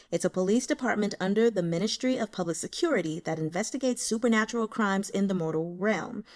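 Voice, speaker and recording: With a lowish voice, a woman serves as host and reader, chatting informally and expressively as she comments.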